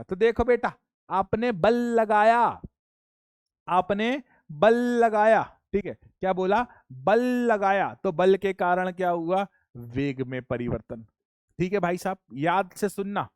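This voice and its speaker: Male teacher, high voice, lecture, repeats himself, dry close sound. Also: dry recording. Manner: repeats key points, addresses students as children. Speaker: physics teacher. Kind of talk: classroom lecture.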